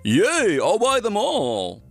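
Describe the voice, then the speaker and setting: An actor playing a meddling, excitable older male neighbor in a comic dub. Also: sits high, slow, vocal fry, soft background music, heavily acted. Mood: gleeful. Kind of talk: comic dub character acting.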